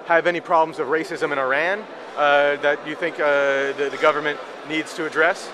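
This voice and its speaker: A man's voice: on the high side, steady tone, normal speed. A man interviewing someone with probing, challenging questions, often stammering as he phrases them. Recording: clear outdoor street and vehicle noise.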